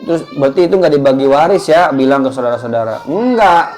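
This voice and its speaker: A man's voice: medium pitch, lively intonation, quick pace, darkish tone, slight background noise. Guy teaching a religious study group at someone's house, laid back, keeps throwing questions at the room. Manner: conversational, quizzes the listeners with questions. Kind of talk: casual religious lesson. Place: indoors at a home gathering.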